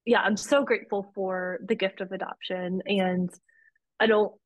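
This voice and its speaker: Brief: young adult woman guest, earnest and open, mid-pitched, dry close-miked sound. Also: steady tone, normal speed, no echo. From Romania. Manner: earnest, warm storytelling with frequent restarts. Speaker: podcast guest, policy advocate. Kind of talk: conversational interview.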